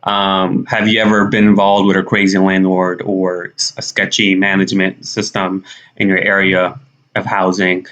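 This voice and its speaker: A man's voice: sits low, little pitch movement, moderate pace, fairly bright tone, highs cut off. A young man giving casual news commentary to camera in a conversational, slangy way. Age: young adult. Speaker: YouTube commentator. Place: small indoor room.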